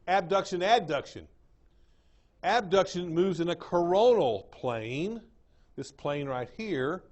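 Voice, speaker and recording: A man's voice: on the high side, darkish tone. A man with an East Texas drawl teaching an anatomy class, repeating key terms and checking that the class follows. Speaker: anatomy lecturer. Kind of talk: classroom lecture. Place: lecture room.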